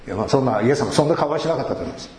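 A male pastor preaching a sermon in a conversational way, asking rhetorical questions and rising sharply in pitch for emphasis. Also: expressive, racing, a little mellow, slight background noise. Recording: echoey room.

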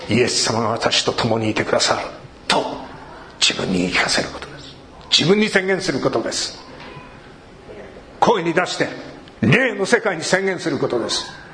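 A man pastor giving an earnest sermon and prayer to a congregation, with warm asides. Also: medium pitch, a little hiss or hum. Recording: echoey hall, faint room ambience.

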